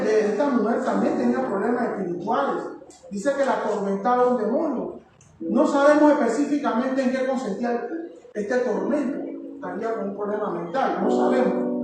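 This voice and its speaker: A woman's voice: a little high, darkish tone. A woman with a Panamanian accent preaching a sermon, emphatic and exhorting, repeating her appeals to the listeners. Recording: echoey hall from far off with music.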